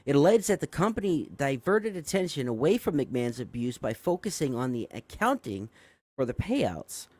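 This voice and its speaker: A man's voice: mid-range voice, sing-song, moderate pace, darkish tone, no echo. Casual, amazed young man reading news. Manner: swearing, easily amazed, with frequent fillers and self-corrections. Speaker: show host. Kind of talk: casual live-stream commentary reading news aloud.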